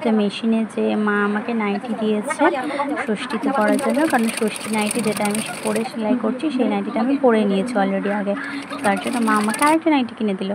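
A woman's voice: fairly high pitch, poor audio. A young woman chatting through her day in a casual home vlog, giving a running commentary. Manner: speaks softly so the sleeping baby is not disturbed. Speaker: vlogger.

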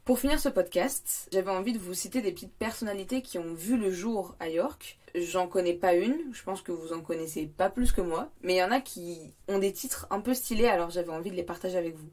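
A young woman from France talks through her travel podcast in a loose, chatty way, full of slang and little fillers. Her voice sits a bit low for a woman, and she speaks with a French accent. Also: a little mellow. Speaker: podcast host. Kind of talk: casual travel podcast monologue.

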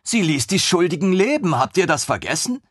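A man putting on an excitable young lieutenant from a fantasy audiobook, his voice pushed up high and swinging wildly as he gushes. The tone is slightly husky, close and dry, and his manner is naive and pompous. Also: brisk, no echo, full character voice. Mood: eager. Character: eager, gushing young male lieutenant. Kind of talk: audiobook character voice.

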